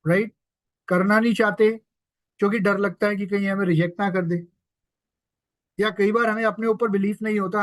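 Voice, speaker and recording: A man with a fairly high voice teaches a sales training session. He explains points one at a time and keeps checking that his listeners follow. The sound is dry and close, with no room echo. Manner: explains step by step and checks in with the audience; mixes English terms into Hindi. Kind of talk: training lecture.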